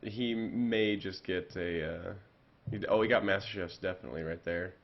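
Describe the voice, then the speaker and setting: A man's voice: low-pitched, moderate pace. A man doing casual play-by-play commentary on a video game, rambling and correcting himself with fillers. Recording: dull lo-fi audio.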